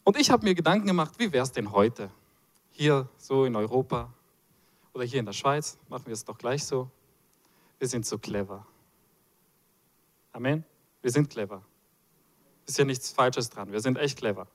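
A man's voice: medium pitch, moderate pace, pauses often. A man preaching a sermon in a church, reading from the Bible and joking with the congregation. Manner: animated, playful asides to the congregation.

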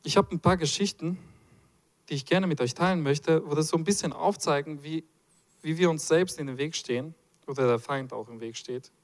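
A man's voice: on the high side, normal speed. A man preaching a sermon in a church, reading from the Bible and joking with the congregation. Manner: animated, playful asides to the congregation.

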